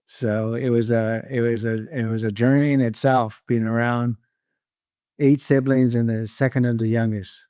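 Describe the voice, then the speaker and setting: Middle-aged guy telling his life story, smooth clear voice, calm and reflective, dry close sound. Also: medium pitch, normal speed, no echo. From Canada, raised in California. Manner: calm, reflective, laughs lightly. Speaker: guest entrepreneur. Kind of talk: casual interview storytelling.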